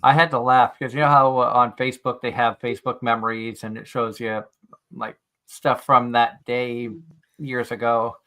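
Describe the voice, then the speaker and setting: Bright, forceful-voiced man hosting a stream. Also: medium pitch, flat delivery, moderate pace. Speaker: stream show host. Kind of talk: casual chat, reading out viewer comments.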